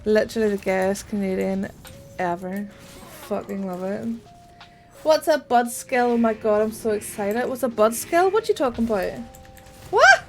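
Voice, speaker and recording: A young woman streaming a game, chatting casually, swearing freely and squealing when excited. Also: medium pitch, normal speed, over music. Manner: bubbly, swears freely, greets chat warmly. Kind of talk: casual gaming stream chat.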